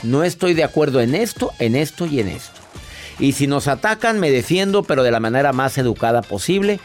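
A man's voice: medium pitch, big pitch swings, brisk, soft background music. Playful man hosting a radio show. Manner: playful, laughing, acts out dialogues. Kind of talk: radio call-in chat and advice. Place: radio studio booth.

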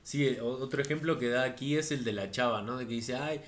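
A man's voice: medium pitch, quick pace, fairly bright tone. Conversational man retelling examples. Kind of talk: casual book discussion.

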